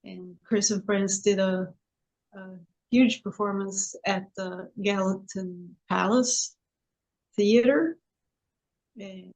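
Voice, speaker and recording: A singer-songwriter woman from Sweden, a guest in an interview, who talks slowly and haltingly with many restarts. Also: mid-range voice, poor audio.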